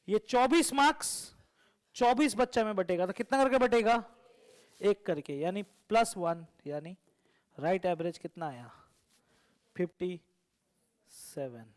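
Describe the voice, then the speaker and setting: A man teaching a math lesson to a classroom. He keeps quizzing and teasing the students with repeated questions. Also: high voice. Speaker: coaching teacher.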